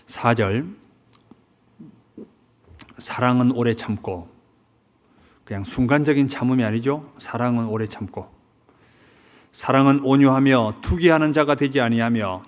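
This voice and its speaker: A male pastor gives a Sunday sermon from a church sanctuary. His voice sits in a middle range. He retells a story and keeps checking whether his listeners follow. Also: medium pitch. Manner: retells a film story, asks the congregation questions.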